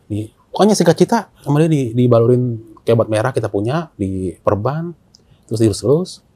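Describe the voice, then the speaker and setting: Speaking briskly in a mid-range voice with no echo, a guest storyteller relates a story in a casual conversation. He keeps it lively, delivering the characters' lines in slang.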